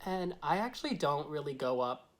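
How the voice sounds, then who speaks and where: Explaining a tutorial casually to camera, a drag queen vlogger meanders in a chatty way. He speaks at a moderate pace in a slightly high voice with big swings in pitch.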